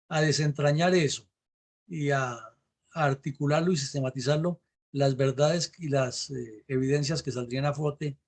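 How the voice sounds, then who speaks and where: Indignant Colombian man, higher-pitched voice. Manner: rhetorical, questioning. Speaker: host and commentator. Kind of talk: indignant commentary.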